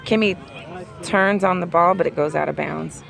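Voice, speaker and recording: At an outdoor soccer field, a hoarse woman with a voice on the low side calls a youth game as an amateur sideline commentator, losing her voice as she goes. Her play-by-play is rapid and rises excitedly at key plays, over crowd and traffic noise.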